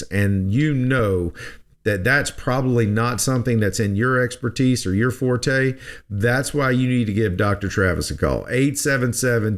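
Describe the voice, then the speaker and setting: A man hosting a financial advice radio show, talking conversationally in a folksy, emphatic way, often halting and repeating phrases. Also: medium pitch.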